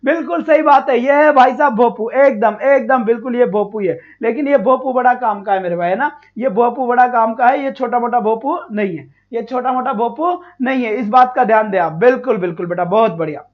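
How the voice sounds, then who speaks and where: A man leads a live online exam-prep class in a high, light voice. He repeats every point, fires questions at his students and keeps praising them. The stream audio is dull and muffled. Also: fairly quick, few pauses. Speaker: teacher.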